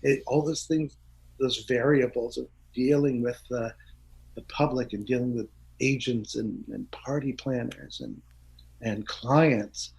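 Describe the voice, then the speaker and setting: A man's voice: medium pitch, creaky, poor audio. A middle-aged man as an interview guest, talking openly and earnestly, often laughing and restarting his words. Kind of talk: reflective conversational interview.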